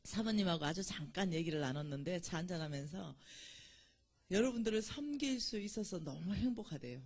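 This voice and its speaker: A woman from South Korea's Gyeongsang Province gives a church lecture full of humorous anecdotes, telling stories in a chatty way and laughing at her own jokes. Her voice is lowish and slightly dark, expressive, and a little fast.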